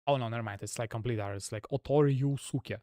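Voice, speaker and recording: A Russian man with a Russian accent, speaking in a mid-range, mellow voice at a quick pace, chats casually with viewers as a gaming streamer. He rambles and fills his talk with "like." The studio-quality recording has no echo.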